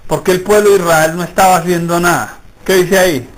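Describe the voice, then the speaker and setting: Male preacher, high-pitched, sermon delivery, keeps checking in with rhetorical questions. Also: fairly even intonation, a little fast, low-quality recording. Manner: asks the congregation rhetorical questions. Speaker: pastor.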